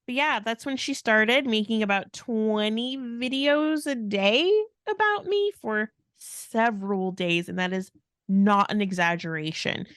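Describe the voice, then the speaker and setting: A woman's voice: fairly high pitch, measured pace, no room sound. Woman with a dry, close podcast sound. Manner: animated storytelling, mimics others' voices. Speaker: podcast co-host. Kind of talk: casual podcast chat.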